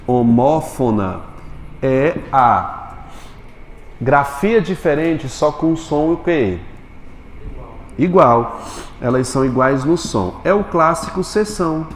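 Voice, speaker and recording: A male teacher giving a Portuguese lesson in a classroom, quizzing his students with quick questions. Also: on the high side, echoey room, long reverb tail, slight background noise.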